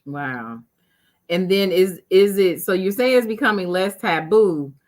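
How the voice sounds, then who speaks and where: A woman's voice: on the low side, lively intonation, a little slow. Casual Southern woman interview host. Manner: casual, leaning on "you know". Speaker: chamber of commerce interview host. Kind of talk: live interview hosting.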